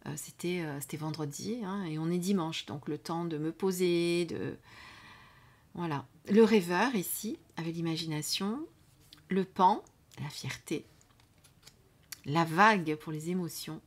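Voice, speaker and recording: A woman hosting a casual review of an oracle card deck, speaking softly and unhurriedly, often trailing off to near whispers, with frequent fillers. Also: lowish voice, measured pace. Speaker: card reading channel host. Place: indoors at home under studio lights.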